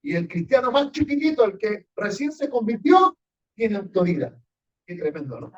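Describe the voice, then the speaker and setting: A high-pitched man, preaching to a congregation with emphatic swings of voice. He keeps checking in with his listeners. The recording is dull and lo-fi, as if taken in a church room. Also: sing-song, moderate pace. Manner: emphatic, asks the audience often, rising and falling sharply. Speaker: pastor teaching a class. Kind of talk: sermon-style Bible teaching with congregation questions.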